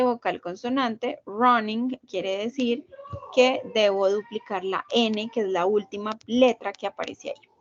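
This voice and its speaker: A woman leads an online English class, walking her students patiently through each rule and checking that they follow. Her voice sits a little high. The video call audio is dull and lo-fi. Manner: patient, explains step by step, checks in with "¿listo?". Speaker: English teacher.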